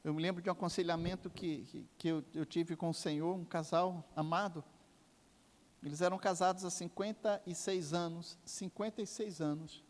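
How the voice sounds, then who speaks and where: Older Brazilian male pastor, fervent preacher, a bit high-pitched, church hall reverb. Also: fairly even intonation, moderate pace. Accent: Brazilian Portuguese. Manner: impassioned preaching with sweeping rises and drops. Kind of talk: sermon. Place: church sanctuary.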